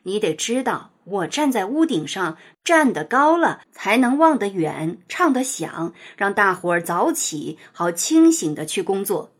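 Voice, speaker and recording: A woman voicing a proud, earnest old male rooster in a children's storybook, speaking in a steady, lecturing way. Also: medium pitch, measured pace, hardly any pauses, breathy edge.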